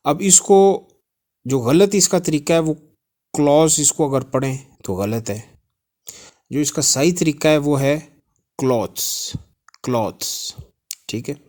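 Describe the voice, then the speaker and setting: A man's voice: fairly high pitch, darkish tone. Man teaching pronunciation, spelling words out. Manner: repeats words slowly, spells letters out. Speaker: English teacher. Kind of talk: spoken language lesson.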